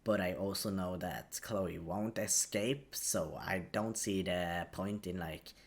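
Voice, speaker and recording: A man's voice: low voice, steady tone, slow pace, slightly rough. A man giving casual video game commentary, hesitantly thinking aloud as he goes. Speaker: gaming commentator.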